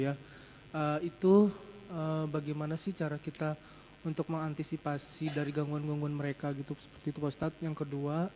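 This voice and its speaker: Guy from indonesia asking a question, polite and unsure, flat voice, hally echo, bit of hiss. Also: on the high side. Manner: polite, hesitant, many fillers. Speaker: audience member asking a question. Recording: reverberant hall, faint noise.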